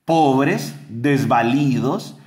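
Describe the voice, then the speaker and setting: A man, co-hosting a podcast and giving an animated Bible teaching. He keeps asking the listeners rhetorical questions. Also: very slow. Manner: animated, acts out quoted voices with big pitch jumps.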